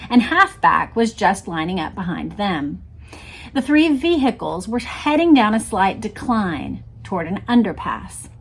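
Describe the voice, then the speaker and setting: Here a woman's medium-pitched voice carries a breathy edge as she reads from a book. Every so often she stops to explain and draw the viewer's attention to details.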